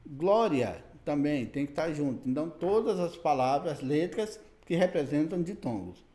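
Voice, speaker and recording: Lively male teacher. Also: fairly high pitch, normal speed. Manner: explanatory, repeats "né" and "tá bom" to check understanding; spells out letters one by one. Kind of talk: recorded grammar lesson.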